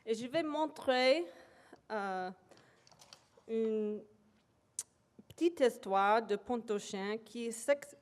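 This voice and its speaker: Slow, halting delivery with plenty of pauses and fillers marks this woman's academic presentation in a lecture hall. She is an invited speaker with a somewhat high voice, and English is her first language.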